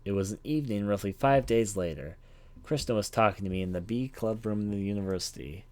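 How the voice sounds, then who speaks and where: A man with a darkish, lowish voice reads a visual novel aloud as a let's play commentator, speaking a little fast. He narrates dramatically, sometimes stumbling over words, with visual novel music behind his voice.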